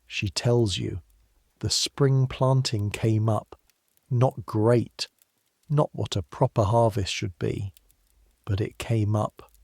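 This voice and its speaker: Low gravelly guy reading a sleepy history story, slow and calm, dry close sound. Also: no echo. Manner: measured, unhurried, softly grave. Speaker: narrator. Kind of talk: calm second-person history narration for sleep.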